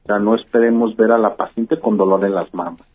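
A man's voice: fairly low pitch, fairly even intonation, a little fast, breathy edge. A man, a physician explaining things patiently in a radio interview, with many "eh" fillers and "¿verdad?" tags. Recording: tinny phone-like line.

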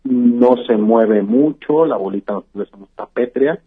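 A man's voice: medium pitch, moderate pace, breathy edge. A man, a physician explaining things patiently in a radio interview, with many "eh" fillers and "¿verdad?" tags. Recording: tinny phone-like line.

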